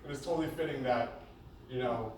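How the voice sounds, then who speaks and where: A young man giving a humorous best man speech, joking and pausing between short phrases. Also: medium pitch. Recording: echoey venue, distant mic, noisy background.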